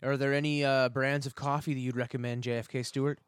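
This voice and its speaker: A man hosting a casual podcast, rambling and joking, often trailing off quietly. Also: mid-range voice, level tone, fast, smooth, no room sound, clean studio sound. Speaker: podcast host. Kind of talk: casual chat.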